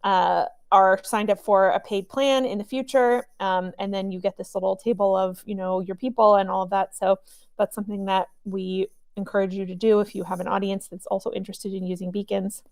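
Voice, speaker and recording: A woman's voice: mid-range voice, little pitch movement, brisk, creaky, a little mellow, dry recording, clean studio sound. Chatty upbeat woman hosting a webinar. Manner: chatty, upbeat, friendly with filler ums. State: has a cough drop in her mouth. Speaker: webinar host and trainer. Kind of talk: live software demo webinar.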